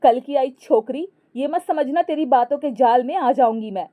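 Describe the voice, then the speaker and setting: A woman's voice: high voice, moderate pace, phone-quality sound, close to an everyday voice. Woman voicing a short-tempered elder daughter-in-law. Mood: sharp. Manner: loud and defensive.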